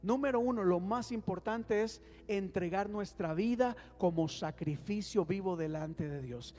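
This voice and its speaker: A pastor delivers a sermon in a church hall, prompting the congregation's response and leading a prayer. His darkish voice sits high and moves a little slowly. Faint music and a long hall reverb can be heard.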